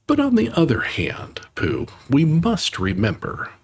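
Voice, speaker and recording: A man voicing a small, timid piglet in a high, hesitant voice for a storybook reading. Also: sing-song, normal speed, slightly rough, exaggerated voice. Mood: hushed.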